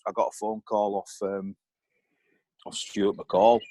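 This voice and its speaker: A man's voice: lowish voice, flat delivery, slow, warm tone, dry recording, low-quality recording. A middle-aged man, a former footballer and board member, candidly telling stories as a podcast guest, rambling with lots of ums and you knows.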